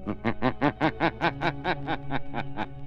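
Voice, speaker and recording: An actor playing the Shadow, a sinister invisible avenger, in a slow, menacing old radio drama style. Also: male voice, mid-range voice, a bit bright. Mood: sinister, mocking. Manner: slow, menacing, drawn-out delivery. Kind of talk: 1930s radio drama acting. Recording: dull old radio recording with music.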